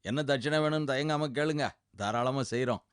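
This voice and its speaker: Guy playing a jolly dad, laughs a lot, calming tone, tv serial. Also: medium pitch, a little fast, smooth, no room sound, studio quality, lightly acted. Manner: jovial, laughs often, soothing with his daughter. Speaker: bride's father. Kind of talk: TV serial acting.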